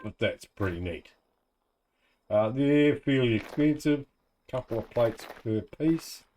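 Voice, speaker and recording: A man's voice: mid-range voice, animated, takes it slowly, mellow, a little hiss or hum. A man with a New Zealand accent giving casual, laid-back gameplay commentary, thinking aloud in colloquial speech. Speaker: gamer narrating own let's play.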